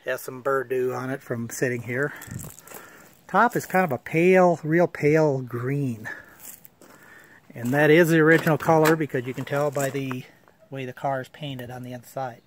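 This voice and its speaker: A man films his old car on a handheld phone, both outside and from inside, talking about it plainly and matter-of-factly with lots of fillers in a casual walkaround video. His mid-range voice moves at a moderate pace. The recording carries a faint hiss or hum.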